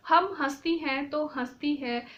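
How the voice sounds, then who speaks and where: A woman reading the lines of a cheerful sister-in-law who laughs loudly, from a play. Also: high-pitched, measured pace. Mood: fretful. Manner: read aloud plainly from a play. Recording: dull lo-fi recording.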